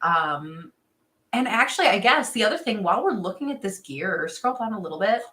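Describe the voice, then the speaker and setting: Upbeat female co-host, bright tone, chatty livestream delivery, roomy echo. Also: mid-range voice, big pitch swings, brisk. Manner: chatty, upbeat, laughs often, many "um"s. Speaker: co-host of a fishing show. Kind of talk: casual gear chat on a livestream.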